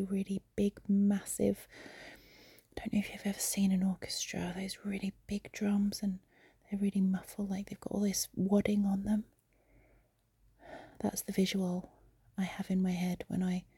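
An amateur audio creator, a young adult woman, lies on her side in bed and whispers into a phone held close for an intimate audio diary. Her breathy whisper is soft, unhurried and confiding, at a medium pitch. The sound is clean and studio-like with no echo.

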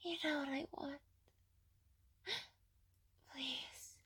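A woman in an intimate roleplay recording, breathy and often whispering, pleading slowly with soft moans between her words. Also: high-pitched, fairly even intonation.

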